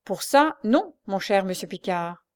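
A woman's voice: medium pitch, lively intonation, a little mellow, natural voice. A woman reading aloud and voicing a sly male police agent who teases and drags things out. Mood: teasing. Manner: teasing, unhurried, mocking.

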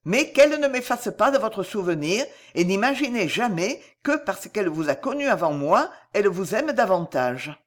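A woman's voice: mid-range voice, sing-song. A woman reading as a gracious, tender noblewoman. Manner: formal, measured and affectionate. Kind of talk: audiobook reading.

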